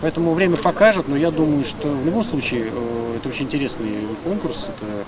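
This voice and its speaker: A man's voice: a little high, fast. A man answering interview questions off the cuff as an official. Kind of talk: spontaneous on-camera interview answer. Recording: loud outdoor traffic noise.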